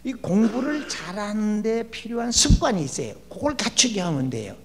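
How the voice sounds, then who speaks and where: A gravelly older man giving a lively, humorous lecture as a guest educator in a church. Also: high voice, moderate pace, crowd noise. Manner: lively, acts out quoted people with shouting and laughs. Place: church hall. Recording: long church hall reverb, faint hum.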